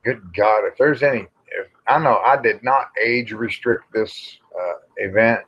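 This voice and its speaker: An American man of middle age or older runs a casual livestream, rambling in a folksy, plain-spoken manner and cussing mildly now and then. His fairly low voice is slightly rough and a little slow. The audio quality is dull and lo-fi.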